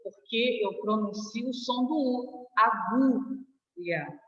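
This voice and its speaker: A woman's voice: fairly high pitch, a little slow, fairly bright tone. A woman teacher with a Brazilian Portuguese accent giving a recorded online lesson, patiently stretching out example words and often checking that students follow. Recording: echoey room, voice from far off, dull lo-fi sound.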